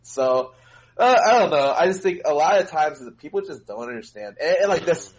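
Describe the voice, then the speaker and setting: A man's voice: on the high side, expressive, moderate pace, muffled recording. A man co-hosting a casual gaming podcast, explaining game mechanics at length with many filler words. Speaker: co-host and streamer.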